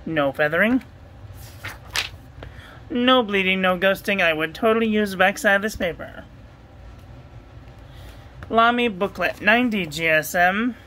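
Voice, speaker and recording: Bright-voiced woman reviewing inks. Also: medium pitch, a little hiss or hum, low-quality recording. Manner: steady, repetitive checklist delivery; enthusiastic over ink colors. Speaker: ink and paper reviewer. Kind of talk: casual product review voice-over.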